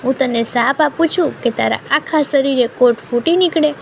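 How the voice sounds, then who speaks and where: A wrathful goddess from a devotional storybook speaks in a high, sharp tone, as a woman reading the tale puts her on. She scolds with stern reproach and a touch more force. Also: moderate pace, gravelly, slight background noise. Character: angry goddess mother laying a curse.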